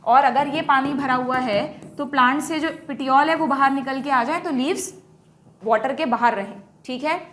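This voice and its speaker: An Indian woman teacher working through exam questions, explaining step by step, checking in with students often and reading the question text slowly. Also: sits high, fairly bright tone. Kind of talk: exam solution lesson.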